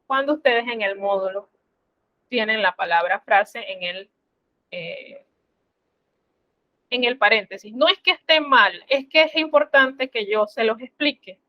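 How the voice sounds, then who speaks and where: Lady teacher going slow and patient over a class call, kinda higher voice, muffled audio. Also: dry recording. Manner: slow, patient, instructive, addresses students formally. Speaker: French teacher. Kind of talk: online class explanation.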